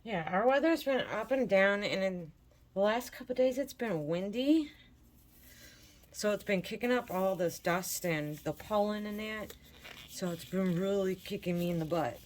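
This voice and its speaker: This woman from Michigan, USA, hosts a crafting channel, talking viewers through a casual tutorial with encouragement while she works. She has a medium-pitched, animated voice at a moderate pace, stuffy from allergies.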